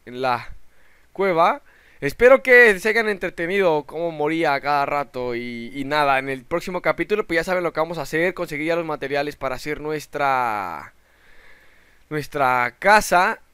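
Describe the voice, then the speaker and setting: A young man giving excitable let's play gameplay commentary, shouting in panic when danger pops up. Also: on the high side, normal speed, clean tone, no room sound. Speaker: gaming channel host.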